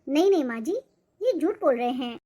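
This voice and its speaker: Meek young bride voice, soft pleading, very high, cartoon. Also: female voice, animated, fairly quick. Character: meek young daughter-in-law, polite and timid. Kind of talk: cartoon voice acting.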